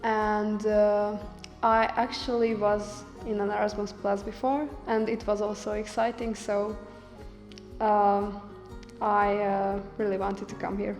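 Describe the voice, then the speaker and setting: Slow, flat-voiced woman from Hungary. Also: medium pitch. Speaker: project participant. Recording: echoey hall with faint music.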